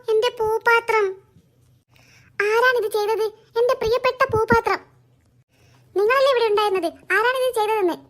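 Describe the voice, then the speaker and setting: A woman voicing a strict mother scolding her daughters in a cartoon. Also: a bit bright. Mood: angry. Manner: scolding, shrill.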